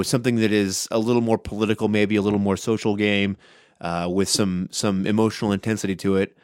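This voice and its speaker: A man with a somewhat low voice talks loud and quick on a casual podcast, often ending thoughts with "right?". The sound is dry and close, with no room around it. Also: clear, resonant tone, dry recording. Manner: fast-talking, loud, with many "right?" tags. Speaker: podcast co-host and game master.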